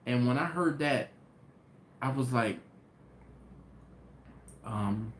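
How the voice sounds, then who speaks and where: A barbecue channel host with a medium-pitched voice draws out his words as he runs a casual live stream. He reads viewer comments aloud, addresses his audience directly, and rambles, restarting often. The room has a roomy echo and faint ambient noise.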